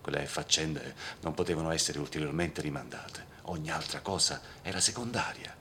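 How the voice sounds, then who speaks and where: Very deep-voiced male audiobook narrator. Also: slight background noise. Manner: measured, dark storytelling with whispered asides. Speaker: audiobook reader. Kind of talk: scripted narration.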